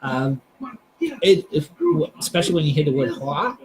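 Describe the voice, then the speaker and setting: A man's voice: on the high side, very animated, normal speed, crowd noise, low-quality recording. A man hosting a live stream, chatting casually and hesitantly, with many fillers and restarts. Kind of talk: casual rambling chat.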